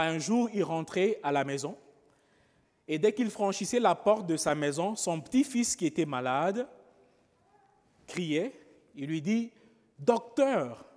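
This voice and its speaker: Male priest, homily, slow and pausing, fairly high voice, long church reverb. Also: darkish tone. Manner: slow, pausing, with frequent rhetorical "n'est-ce pas".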